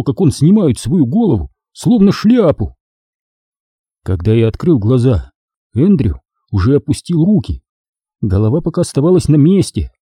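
A man reading a spooky story aloud as an audiobook narrator, steady and suspenseful. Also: medium pitch, slightly rough, no echo, clean studio sound.

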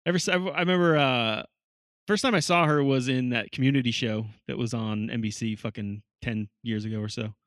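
A man's voice: mid-range voice, fairly quick, fairly bright tone, no echo, studio quality. A man in casual chat about a TV show, loose and chatty with lots of swearing.

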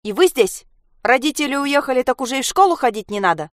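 A woman reading aloud voices a harsh mother who scolds and yells at the children. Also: on the high side, animated, moderate pace, dry recording, studio quality, pitched above the performer's own voice, natural voice. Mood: scolding. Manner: scolding, yelling. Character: harsh furious mother, shouting.

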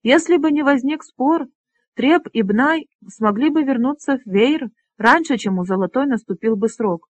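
An audiobook reader voicing an elderly male dragonrider leader in a stern, deliberate manner. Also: sits high, expressive, dry recording, voice pushed up.

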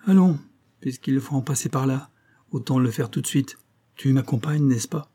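A man's voice: medium pitch, moderate pace, mellow, lightly acted. A man voicing a young male engineer, anguished and nervous, with a strained, pleading delivery.

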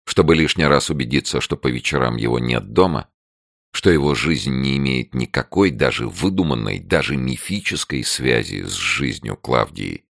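Very deep gravelly male narrator. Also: a bit bright, no room sound, clean studio sound. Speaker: audiobook narrator. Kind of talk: scripted narration.

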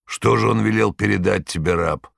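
Man playing a deep sardonic devil. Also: normal speed, creaky, a bit bright, dry recording, heavily acted. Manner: curt, dry, mocking. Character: sardonic commanding devil, male, ancient, cold. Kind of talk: audiobook character voice.

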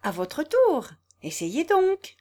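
A woman's voice: on the high side, lively intonation, measured pace, a little mellow. A woman reading the part of a young woman singer who speaks frankly and kindly. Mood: encouraging. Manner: frank and kind.

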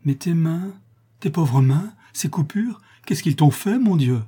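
A man's voice: mid-range voice, fairly even intonation, slow, dark tone, breathy edge. A man voicing a passionate, devoted young woman in an audiobook, tender and anxious, with a raised, pleading tone. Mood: distressed.

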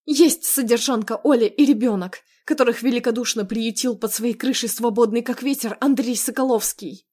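A woman reading an audiobook, voicing a tearful, bitter young woman who speaks in a sharp, raised voice. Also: high-pitched, normal speed, pitched above the performer's own voice, lightly acted. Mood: tearful anger.

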